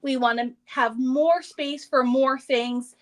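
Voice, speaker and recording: A woman with a high, bright-sounding voice hosts a craft shop's live show. She chats in a casual, upbeat way and teases a little as she talks through products and store dates. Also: steady tone, takes it slowly. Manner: chatty, upbeat, teasing. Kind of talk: casual livestream product chat.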